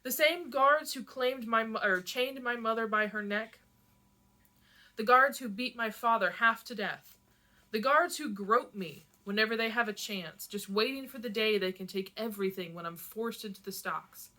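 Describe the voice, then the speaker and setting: A woman's voice: a little high, normal speed, sharp tone. A woman reading aloud as a young female rebel, heated and shaking with anger. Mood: furious.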